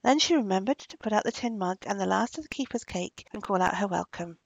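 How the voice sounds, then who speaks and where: Husky woman telling a folk tale. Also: mid-range voice, animated, fast, dry recording, rough recording. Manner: gentle, drops into soft whispers. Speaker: storyteller. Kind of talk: storybook narration.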